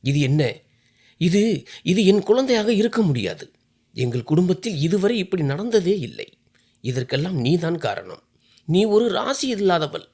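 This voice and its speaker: A man voicing an angry husband who shouts accusations at his wife. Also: high voice, very animated, unhurried, pauses often, slightly rough, pitched above the performer's own voice, exaggerated voice. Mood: furious.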